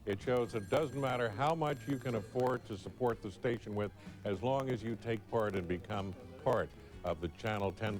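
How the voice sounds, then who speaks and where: A man hosting a public television pledge drive, making an earnest, measured appeal in formal phrasing. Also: on the low side.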